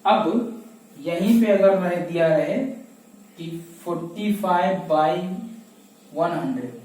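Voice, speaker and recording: A man's voice: sits high, takes it slowly, a little mellow. A man teaching a math lesson step by step, asking questions and answering them himself, recorded from a distance. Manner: asks questions and answers them himself, repeats key steps. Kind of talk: classroom lesson explaining step by step. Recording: echoey room, voice from a distance.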